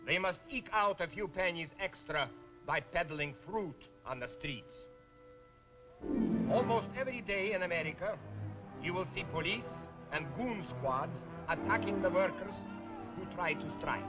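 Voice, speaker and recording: A man's voice: high voice, animated, measured pace, pauses often. A man narrating an old propaganda film in a fake Russian accent, solemn and declaiming. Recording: old film clip over music.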